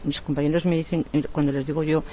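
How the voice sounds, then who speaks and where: A woman giving an online lecture in a strong, forceful voice. She explains step by step and keeps adding quick tag questions. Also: low voice, little pitch movement, a little hiss or hum.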